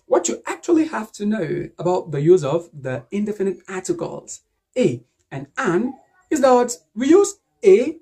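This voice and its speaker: A woman with a husky, mellow voice teaches an English lesson online. Her pitch swings widely as she stresses and repeats key words to drill them. The delivery stays emphatic throughout. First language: French.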